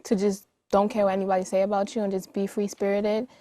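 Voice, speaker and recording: Young woman, relaxed chatty answers, middle pitch. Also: quick pace, dry recording, faint music behind. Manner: easygoing, laughs while answering. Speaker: guest. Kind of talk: casual interview answers.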